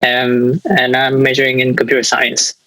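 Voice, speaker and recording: A young man from Vietnam, a university student, answering panel questions on a video call in a relaxed, rambling way. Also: mid-range voice, normal speed, dry recording, poor audio. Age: young adult.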